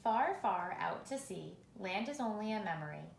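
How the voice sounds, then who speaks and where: Expressive and measured, a woman reads a picture book aloud for children, stopping for dramatic pauses. Her voice is medium in pitch and noticeably creaky. The recording has clear room echo and faint noise.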